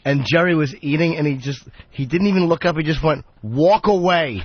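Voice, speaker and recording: A man's voice: fairly high pitch, dull audio. A man on a talk radio show, telling anecdotes and acting out quotes in casual banter. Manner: fast storyteller, acts out quotes. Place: radio studio.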